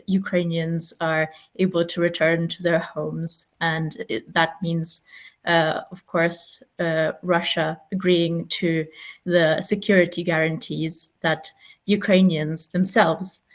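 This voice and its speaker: A woman speaking on a video call, halting and pausing as she searches for her words. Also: lowish voice. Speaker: invited speaker, activist.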